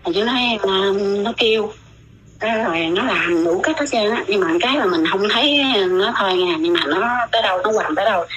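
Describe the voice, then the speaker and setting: A woman's voice: medium pitch, lively intonation, brisk, fairly bright tone, a little hiss or hum, rough recording. Rambling middle-aged woman. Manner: rambling, repeats words often. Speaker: interviewee, mother telling her story. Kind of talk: casual spoken storytelling.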